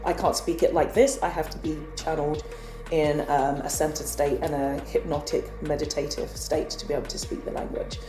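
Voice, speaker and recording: A woman's voice: sits low, echoey room. A woman from England earnestly telling a personal spiritual story in a casual vlog. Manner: earnest, confessional. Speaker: spiritual vlogger.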